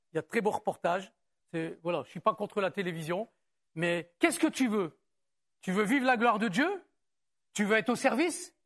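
A man with a high, somewhat bright voice preaches at a church service in the casual, personal tone of a pastor addressing his flock. Rhetorical questions pepper his talk, and his reading of a passage comes out slower and more measured.

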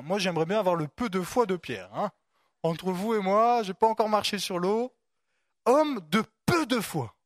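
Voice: medium pitch, no echo, studio quality. A preacher reading and explaining a Bible story, talking casually, with frequent asides, and asking listeners to picture the scene. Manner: lively, conversational, asks listeners to imagine, many asides.

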